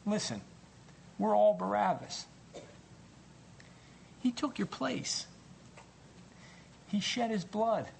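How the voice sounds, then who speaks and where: Male preacher, slow deliberate delivery, dramatic sermon storytelling over faint background rumble. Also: sing-song, gravelly. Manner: emphatic, deliberate, repeats phrases for weight.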